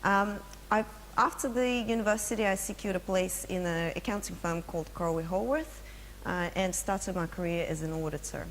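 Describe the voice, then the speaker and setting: A woman with a Russian accent speaks at normal speed in a lowish voice while giving a business presentation at a conference. She uses frequent fillers and restarts and asks the audience questions, with long hall reverb and a faint hum in the recording.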